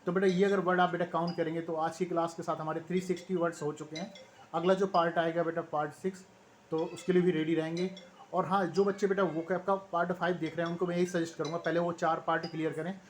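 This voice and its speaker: High-voiced Indian teacher reading word lists. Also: male voice, flat delivery, fast, slight background noise. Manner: rattles off word lists, calls students "beta". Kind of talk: vocabulary lesson.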